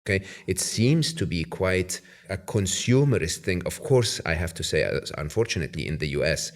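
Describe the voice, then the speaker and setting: Deep-voiced, with lively intonation and normal speed, a man from Egypt in his fifties hosts a conversational podcast interview. He talks thoughtfully, frequently restarting with hesitation, in a bright, plant-filled room with an arm-mounted podcast mic.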